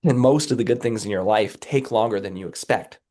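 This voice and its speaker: A man with a cold and a raspy voice, a company executive giving earnest, motivational answers as a guest in an interview, often checking in with "right?". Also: fairly low pitch, brisk, mellow. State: has a cold, under the weather.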